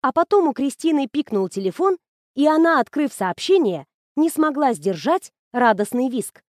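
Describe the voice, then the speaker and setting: A woman reading an audiobook in an expressive storytelling manner, close to the mic. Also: sits high, normal speed, no echo. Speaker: audiobook narrator. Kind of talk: scripted audiobook narration.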